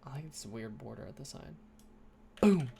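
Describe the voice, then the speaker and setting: A man's voice: medium pitch, animated, moderate pace, creaky, warm tone, a little hiss or hum. Chatty man setting up a livestream. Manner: chatty, fiddles with stream setup while talking. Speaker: co-host. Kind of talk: casual livestream chat. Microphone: headphones with computer mic.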